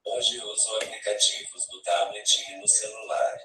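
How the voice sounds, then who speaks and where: A man's voice: on the low side, flat delivery, normal speed, recorded from a distance, noisy background. A synthesized male text-to-speech voice, like an old speech synthesizer, reading a scripted first-person presentation in an evenly robotic way. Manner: robotic, evenly read delivery. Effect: speech synthesizer on tablet app. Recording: echoey, off-mic, music behind. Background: music.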